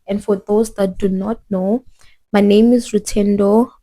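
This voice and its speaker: A young woman from Zimbabwe chats to her phone camera in a loose, rambling vlog style. Her voice is mellow and warm, and she keeps circling back with fillers and restarts. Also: mid-range voice, fairly even intonation, unhurried, faint music behind. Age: young adult. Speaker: vlogger. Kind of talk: casual chat.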